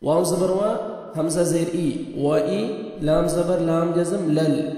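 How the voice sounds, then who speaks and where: Guy teaching quran, explains fast then drawls the verses, mellow kinda highish voice, big echoey room. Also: steady tone. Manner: explains tajweed rules quickly, then drawls verses in a slow chant. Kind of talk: spelling out and reciting Quran verses for learners. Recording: very echoey, reverberant room with faint music.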